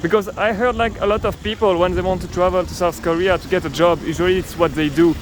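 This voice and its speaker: Talking fast in a high, steady voice, a man conducts a street interview outdoors amid heavy traffic noise. His questions to the passerby are curious and packed with fillers.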